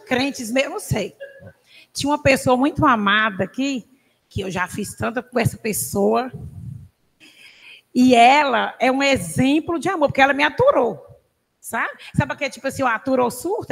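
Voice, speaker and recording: High gravelly woman in an echoing hall. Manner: animated storytelling, laughs often. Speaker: church class participant. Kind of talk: testimony in a Bible class. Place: church hall. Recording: reverberant church hall.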